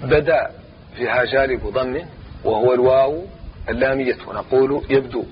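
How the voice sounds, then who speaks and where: A man teaching a grammar lesson, reciting verse lines slowly and repeating phrases as he explains each example. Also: medium pitch, highs cut off, slight background noise.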